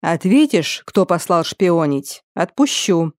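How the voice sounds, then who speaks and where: A woman's voice: on the low side, big pitch swings, a little mellow, dry recording, clean studio sound. A woman voicing a harsh, angry young master. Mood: interrogating. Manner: slow, clipped, menacing questioning.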